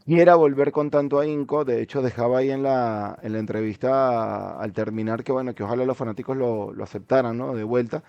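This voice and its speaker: A man's voice: medium pitch, steady tone, fairly quick, gravelly, few pauses, a little mellow, no room sound, muffled recording, faint music behind. A man in a casual football discussion, speaking as a commentator in a hesitant way, often repeating words mid-sentence.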